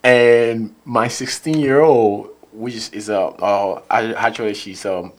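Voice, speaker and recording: A man's voice: fairly low pitch, measured pace. A middle-aged man from Liberia with a Liberian accent, speaking as a therapist guest in a casual conversation, often repeating words as he searches for phrasing.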